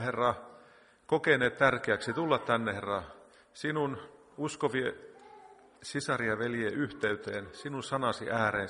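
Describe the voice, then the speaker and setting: A man's voice: mid-range voice, sharp tone. A man leading a church meeting, praying aloud spontaneously and repeating "Lord" between phrases, then giving the week's announcements. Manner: prayer punctuated by constant repeated "Lord". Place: church hall. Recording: long reverb of a church hall.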